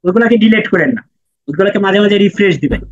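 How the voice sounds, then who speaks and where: Man, Quran reading teacher, patient, repeats sounds slowly, dry dull sound. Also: sits high, no echo. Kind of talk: online class lesson.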